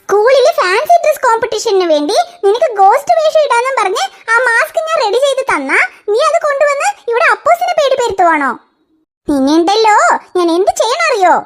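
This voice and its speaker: A fussing cartoon mother, played by a woman who scolds in an exasperated way. Her voice sits extremely high and squeaky, almost childlike. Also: very animated, a little fast. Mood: scolding. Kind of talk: cartoon voice acting.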